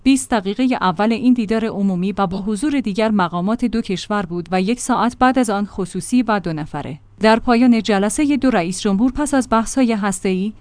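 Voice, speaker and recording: A woman reading out a news magazine report in a steady, measured way. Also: medium pitch, no echo. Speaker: news reader.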